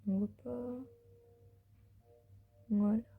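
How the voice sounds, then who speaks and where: A tired woman whispering softly through a casual beauty unboxing vlog from the floor of her bedroom. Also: a little high, fairly even intonation, drawn-out words, creaky, breathy edge, phone-quality sound, soft background music. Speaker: beauty vlogger.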